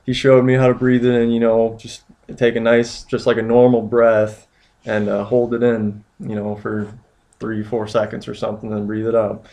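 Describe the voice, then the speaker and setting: A man's voice: mid-range voice, completely flat delivery, moderate pace, mellow. A young man telling a story in a casual, rambling way, with lots of "you know" and "like". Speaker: vlogger.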